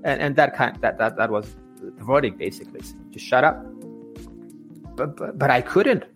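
A man's voice: medium pitch, animated, fairly quick, soft background music. A man, a life coach, telling his story as a guest in an interview, often repeating words and restarting sentences.

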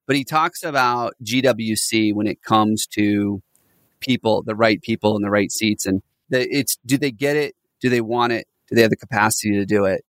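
A man hosting a conversational interview as a business coach, telling stories with animated delivery and frequent laughter. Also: on the low side, moderate pace, no echo, clean studio sound.

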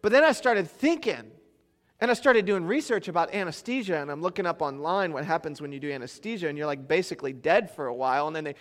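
Man, pastor, sermon, high voice, animated storytelling, hall reverb. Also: fast talker. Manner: animated storytelling, swings between loud and quiet.

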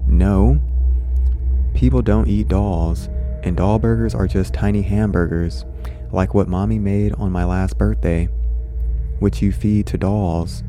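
A man's voice: on the low side, steady tone, measured pace, warm tone, soft background music, natural voice. A man reading the part of a skeptical little girl arguing with her father. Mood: insistent.

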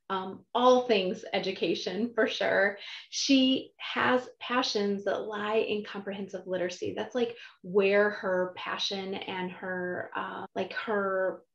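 A woman's voice: mid-range voice, reverberant, highs cut off. Chatty woman hosting a podcast. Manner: chatty, enthusiastic, with frequent fillers and restarts. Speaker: podcast host. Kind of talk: conversational podcast interview.

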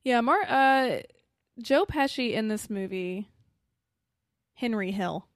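A woman's voice: on the high side, lively intonation, slow, no echo, clean studio sound. A woman co-hosting a casual podcast, chatting about a film in a wry, rambling way. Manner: chatty, wry, trails off and restarts. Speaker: podcast co-host. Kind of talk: casual film discussion chat.

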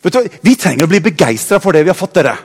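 A high-pitched man, preaching in a church hall. His fervent sermon swells from low, thoughtful passages to ringing shouts. The long reverb of the hall trails after each phrase. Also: sing-song. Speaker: pastor.

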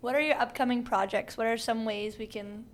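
A woman's voice: on the high side, steady tone, a little fast. A woman co-hosting a casual podcast interview, encouraging and enthusiastic toward the guest. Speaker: podcast co-host.

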